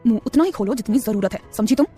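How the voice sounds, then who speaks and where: A woman voicing a stern, short-tempered rich young man who barks gruff commands in a lowered voice. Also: expressive, rapid-fire, dark tone, faint music behind.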